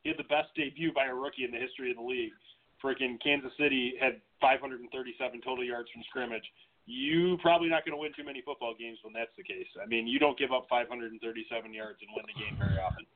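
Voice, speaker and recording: A man co-hosting a casual sports chat, steady, laid-back and analytical. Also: mid-range voice, quick pace. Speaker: podcast co-host. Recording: tinny phone-like line.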